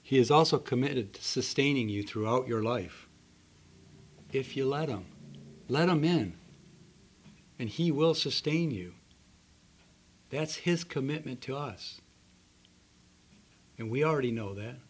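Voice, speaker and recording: A man's voice: medium pitch, measured pace, pauses often, breathy edge. A man preaching a sermon, telling stories earnestly and acting out the people in them. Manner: earnest storytelling with voiced characters.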